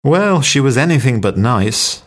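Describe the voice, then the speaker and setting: A medium-pitched phrase reader, very animated yet measured in pace, reads brief standalone everyday sentences for learners. He performs the intonation of each one.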